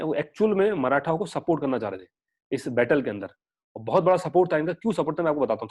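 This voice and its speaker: A man's voice: a little high, a little mellow. A young man teaching an exam-prep history lesson in a chatty, digressive way, mixing English terms into his talk. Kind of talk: casual online lecture.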